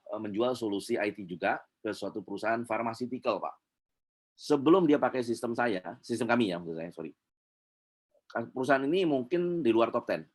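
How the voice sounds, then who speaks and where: Middle-aged male sales trainer, low-pitched, casual lecturing delivery. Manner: chatty, many fillers, acts out customer quotes.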